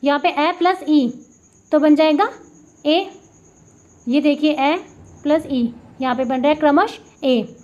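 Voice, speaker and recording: Her voice sits high and a little mellow, with fairly even intonation, and carries a Rajasthani Hindi accent. As a tutor in a classroom lesson, she breaks grammar examples down one sound at a time, slowly repeating each and indicating it on the board with step-by-step patience. It's captured in dull, lo-fi audio.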